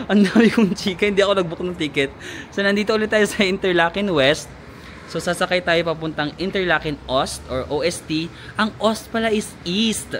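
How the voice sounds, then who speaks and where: Filipino guy vlogging outside on his phone, gossipy playful chatter, kinda high voice, bit of street noise behind. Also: normal speed, a bit bright. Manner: chatty gossiping storyteller, playful, mixes in English. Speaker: travel vlogger. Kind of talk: casual vlog chat. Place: outdoors in a town in winter. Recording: faint street noise outdoors.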